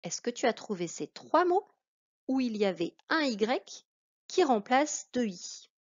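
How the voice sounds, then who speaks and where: A woman's voice: fairly high pitch, very animated, a little slow, highs cut off. A woman teaching a reading lesson to children, patiently spelling out syllables one by one.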